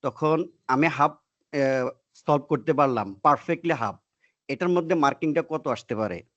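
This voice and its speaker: A man's voice: a little high, measured pace, a bit bright, no echo, lo-fi sound. A man from Bangladesh, a student in an online class, asking his teacher questions deferentially and hesitantly. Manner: deferential, hesitant with fillers and throat clearing. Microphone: video call.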